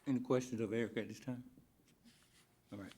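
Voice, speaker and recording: A man's voice: medium pitch, fairly even intonation, a little fast, dark tone, husky. A man chairing a county planning board meeting, calling speakers up in a plain procedural way.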